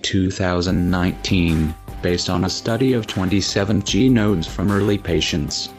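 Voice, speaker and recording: Disguised deep male voice, pitched down. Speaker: anonymous narrator. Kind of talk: scripted read-out statement.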